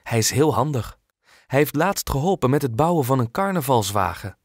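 A man narrating a children's audiobook in a clear, expressive storytelling manner. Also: mid-range voice, normal speed, dry recording, studio quality.

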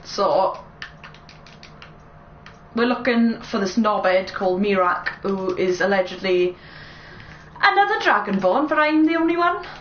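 A woman's voice: medium pitch, expressive, unhurried, pauses often, echoey room, dull audio, slight background noise. A woman chatting casually while streaming a video game, swearing and giggling often. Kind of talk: casual live-stream gameplay chat.

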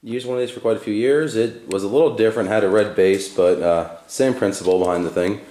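Filming on a handheld camera, a man with a lowish, warm voice talks fast as he casually demonstrates a tool in his home garage. His delivery is laid-back and rambling, with fillers and self-corrections. The concrete-floored garage sounds echoey, with faint background noise.

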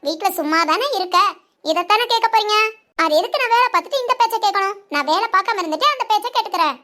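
A sharp-tongued young wife from a family cartoon, performed by a woman. She refuses to back down and answers every charge firmly. Her voice is very high and her words come fast. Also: expressive, heavily acted. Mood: defiant. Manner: defiant, firm, talks back. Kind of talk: animated family cartoon dub.

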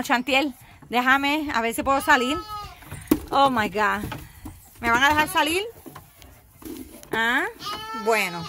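A woman's voice: a little high, sharp tone. A woman filming her goats and sheep in an outdoor pen, talking to the animals in a soothing, cooing way and laughing often. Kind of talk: casual phone vlog with animals. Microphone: handheld phone.

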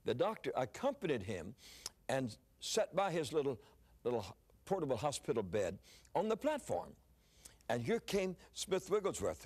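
A man's voice: medium pitch, darkish tone, breathy edge. An older man preaching, telling a story in a sermon, often repeating words as he starts a phrase.

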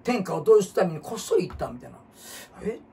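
A man with a Kansai accent, hosting a casual history talk as an animated storyteller who jumps between topics and asks rhetorical questions. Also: high-pitched, fast talker, slight background noise. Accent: Kansai Japanese. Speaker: host. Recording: husky voice from far off the mic.

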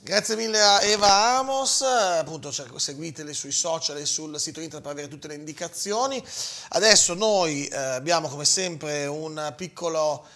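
A man's voice: a little high, normal speed, sharp tone. A man hosting a morning radio show, chatting casually and introducing guests. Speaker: radio host.

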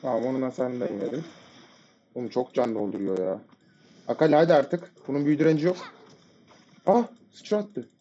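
A man giving live gameplay commentary, excitable and shouting at teammates and enemies in sudden bursts. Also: mid-range voice, fast talker, slight background noise. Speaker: gamer playing a ranked match. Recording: dull lo-fi mic audio.

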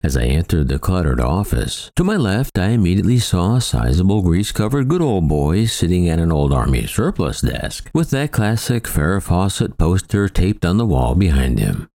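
A man's voice: sing-song, moderate pace, few pauses, warm tone, dry recording. A middle-aged man narrating a wry, vivid first-person story of his first flying lesson. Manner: wry, vivid storytelling with big swings in pitch.

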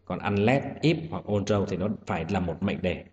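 A man's voice: low-pitched, expressive, moderate pace, dull audio. A man teaching an exam-prep English lesson, explaining each answer patiently, step by step. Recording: echoey room with loud hiss.

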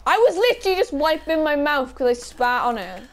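A woman's voice: high-pitched, sing-song, fairly quick. A young woman giving casual gameplay commentary, swearing and ranting in frustration with sudden outbursts. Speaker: gaming YouTuber.

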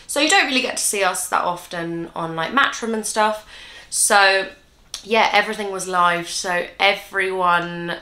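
A woman's voice: medium pitch, unhurried, bright, forceful tone. A woman in her twenties chatting casually to camera in a rambling, self-mocking way while answering viewers' questions. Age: 20s. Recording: roomy echo.

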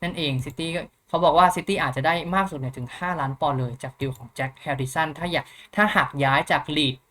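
A man's voice: a little high, fast talker, a bit bright. A young man hosting a football news channel, chatting casually through the latest updates with many polite filler particles and thinking aloud.

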